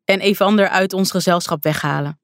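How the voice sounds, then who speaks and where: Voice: medium pitch, a little fast, fairly bright tone, no echo, studio quality, close to an everyday voice. The audiobook narrator voicing a cruel, smug male god-king who speaks with mocking, false politeness. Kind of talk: audiobook character voice.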